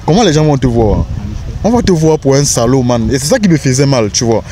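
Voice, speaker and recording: A man's voice: medium pitch, expressive, fairly quick, dark tone. A young man, talking in slangy, emphatic street style on a park bench. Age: young adult. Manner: slangy, emphatic, keeps saying "bro". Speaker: interviewee, content creator. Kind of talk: casual outdoor interview. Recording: faint outdoor street noise.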